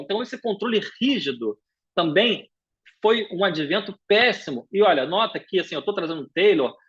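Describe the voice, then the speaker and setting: Husky-voiced Brazilian man lecturing quickly. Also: high voice, dull audio. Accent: Brazilian Portuguese. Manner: brisk, animated lecturing with frequent filler "é". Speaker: guest speaker, professor. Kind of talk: live webinar lecture.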